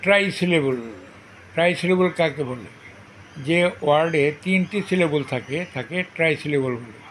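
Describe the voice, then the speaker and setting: A man's voice: a little high, normal speed, a little hiss or hum, rough recording. A man teaching a grammar lesson, repeating each definition twice and breaking words into syllables one at a time. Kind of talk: slow dictation-style grammar lesson.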